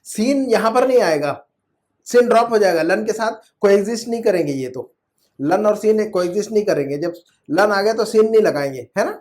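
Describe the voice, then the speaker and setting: High-voiced patient male teacher. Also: lively intonation, a little mellow. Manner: patient, repeats rules, drills students with questions. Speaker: Arabic grammar teacher. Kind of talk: online class explaining in Urdu. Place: at home.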